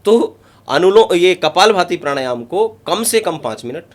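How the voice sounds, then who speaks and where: In an instructive interview, an emphatic male yoga guru explains breathing practice, repeating key points and laying them out step by step. His voice sits a little high for a man, and he speaks in an animated way at a measured pace.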